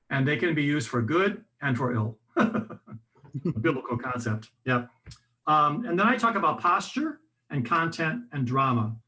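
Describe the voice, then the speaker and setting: A man with a voice pitched a little high leads a workshop on how the voice works. He talks in a loose, conversational way, full of restarts and little asides, and explains things with energy. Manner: conversational, animated, with frequent restarts and fillers. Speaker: voice coach presenting a workshop. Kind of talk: instructive workshop talk.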